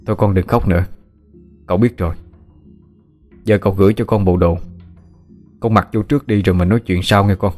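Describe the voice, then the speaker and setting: A man voicing a gentle, fatherly male spirit who speaks in a soothing, coaxing way. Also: low-pitched, fairly even intonation, a little fast, long pauses, soft background music, natural voice.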